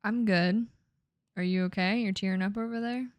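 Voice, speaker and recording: A woman's voice: medium pitch, fairly even intonation, normal speed, dry recording. A woman co-hosting a podcast, chatting casually with a wry, teasing humor. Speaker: podcast co-host. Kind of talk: casual chat.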